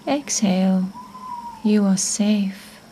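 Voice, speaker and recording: A woman guides a meditation in a gentle, soothing, hushed way, her phrase endings fading almost to a whisper. Her voice is mid-range and she draws out her words, with a little hiss or hum in the recording.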